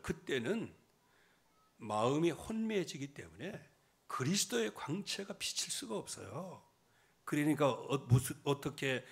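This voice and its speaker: Male pastor, middle-aged, bright edgy tone, very lively pitch, mid-sermon. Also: husky. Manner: lively preaching, swinging from loud emphasis to quiet asides, mimics hymn singing. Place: church sanctuary.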